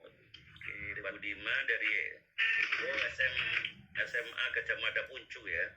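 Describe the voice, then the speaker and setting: A man's voice: fairly low pitch, fairly even intonation, measured pace, sharp tone, faint music behind, rough recording. A man, lecturing a teachers' workshop over a video call in a rambling way, tagging his sentences with questioning asides. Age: 50s. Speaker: workshop instructor.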